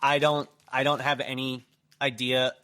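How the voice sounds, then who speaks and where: A man's voice: medium pitch, flat delivery, unhurried, bright, forceful tone, clear, resonant tone. A man co-hosting a podcast, chatting casually, teasing his friend and swearing now and then. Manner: laughing hard, teasing, swears. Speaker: podcast co-host. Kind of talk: casual chat.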